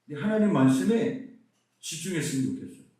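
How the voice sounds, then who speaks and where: A man's voice: on the high side, quick pace. A middle-aged male pastor from Seoul preaching a conference sermon, asking the crowd questions as he goes. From Seoul, South Korea. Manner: lively preaching with rhetorical questions. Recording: very echoey hall, mic far off.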